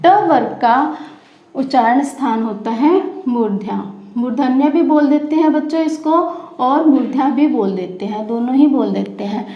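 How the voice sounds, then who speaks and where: A woman's voice: high-pitched, moderate pace. A woman teaching a grammar lesson to schoolchildren. She asks the class questions, answers them herself, and repeats the key terms. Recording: roomy, dull lo-fi classroom recording.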